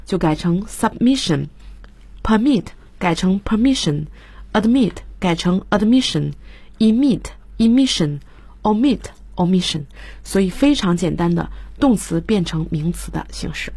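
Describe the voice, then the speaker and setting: Husky woman teaching English vocabulary. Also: fairly low pitch, animated, unhurried, dark tone, no room sound. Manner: explains words, spells them out letter by letter. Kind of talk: radio English lesson. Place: radio studio.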